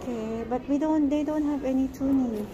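Her voice high and her pace brisk, a family-vlogging mom in her thirties talks her kids along in a mix of English and Tagalog, with a Filipino accent. She's filming on a handheld phone camera in an indoor shopping mall, so the audio is dull and full of mall noise.

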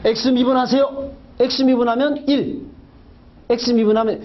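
A man's voice: extremely high pitch, steady tone, a little slow, dull audio. A middle-aged man teaching a math lecture, chatty and jokey, quizzing his students with rhetorical questions as he works through problems.

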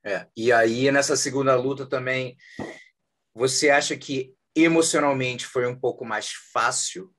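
A man from Brazil hosting a podcast, asking short questions slowly and backing up his guest. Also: medium pitch, steady tone, a bit bright. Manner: short supportive interjections and slow questions. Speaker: podcast host, interviewer. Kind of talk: casual interview.

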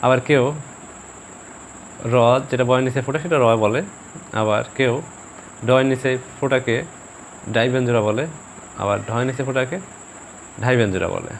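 Man giving a slow pronunciation lesson. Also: medium pitch, steady tone, slight background noise. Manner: slow, deliberate, repeats example words for practice. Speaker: Bengali pronunciation teacher. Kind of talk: instructional video lesson.

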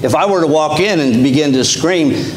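A man's voice: fairly high pitch, normal speed. A middle-aged man with an Appalachian Kentucky accent preaching a sermon conversationally, restarting phrases often. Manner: conversational preaching with frequent restarts and fillers, gesturing while standing. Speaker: pastor. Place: small church sanctuary, indoors. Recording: echoey church room with faint hum.

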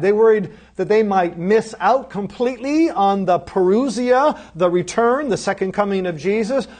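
High-voiced man giving an emphatic Bible lecture. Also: a little mellow. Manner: emphatic, explanatory, asks rhetorical questions. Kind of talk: recorded course lecture.

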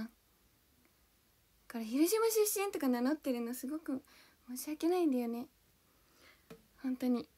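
A high voice with a darkish tone belongs to a young idol livestreamer, born in Hiroshima and from Kanto, Japan. Casual, bubbly and giggly, she reads viewers' comments one by one and thanks each person.

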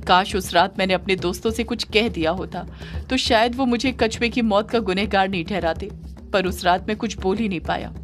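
A woman voicing a grieving, guilt-ridden young man, speaking in a quiet, sorrowful inner monologue for an audio horror story. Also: mid-range voice, normal speed, soft background music, close to an everyday voice.

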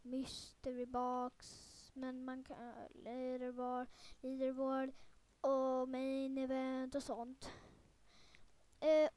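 High-voiced girl, chatty gaming commentary. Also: clean tone. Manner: chatty and rambling, many fillers, turns excitable and panicky during play. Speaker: gaming video creator. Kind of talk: casual let's-play commentary.

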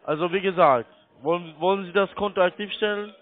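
On a tinny narrowband phone line, a male call-centre agent whose first language is not German makes an unscripted sales call in German. His voice is high and a little fast, and his pitch is insistent and blunt.

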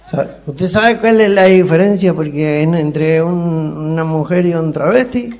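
A man doing a rambling stand-up monologue as a country character. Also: measured pace. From Mendoza, Argentina. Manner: rambling rustic storyteller, animated high voice. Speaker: comedian in character. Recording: live show recording with faint noise.

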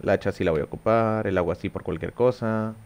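In his small room at home, a young adult man with a Mexican accent chats with viewers over a headset while playing, thinking out loud and cursing mildly. His voice is lowish and darkish, and he talks a little fast.

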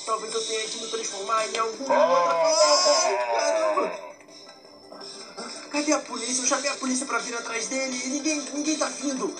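A man with a Brazilian Portuguese accent narrates his gameplay in a high, bright-sounding register, shouting and exclaiming constantly. Loud game music plays behind him throughout. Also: normal speed, vocal fry, low-quality recording. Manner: excitable, frequent shouts and exclamations. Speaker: gameplay commentator. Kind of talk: excitable let's-play commentary.

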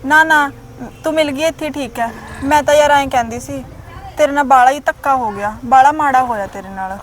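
A woman's voice: sits high, brisk, a little hiss or hum, lightly acted. A woman playing a concerned young friend. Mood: consoling. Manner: concerned, consoling. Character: sympathetic young female friend. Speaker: actor in a short film.

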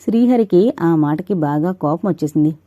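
A woman reading a novel aloud in steady scripted narration. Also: fairly low pitch, normal speed, no echo, dull audio. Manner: steady storytelling. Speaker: audiobook narrator.

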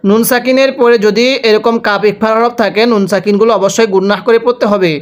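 A man from Bangladesh teaching Quran reading in a recitation spelling lesson. He spells each syllable slowly and has listeners repeat after him. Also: sits high, steady tone.

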